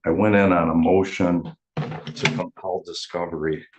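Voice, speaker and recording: Deep-voiced male attorney telling a story. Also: level tone, unhurried, highs cut off, noisy background. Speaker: attorney addressing a judge. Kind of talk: anecdotal courtroom argument. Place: courtroom.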